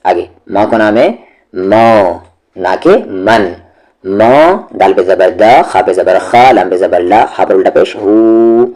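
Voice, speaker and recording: Slow, low-voiced male tajweed teacher. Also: darkish tone. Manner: patient, drawn-out syllable drills. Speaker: Quran recitation teacher. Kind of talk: slow step-by-step tajweed lesson.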